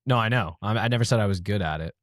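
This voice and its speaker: A man's voice: on the low side, rapid-fire, no echo, clean studio sound. A man co-hosting a podcast in casual chat who laughs easily and riffs on jokes. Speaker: podcast co-host.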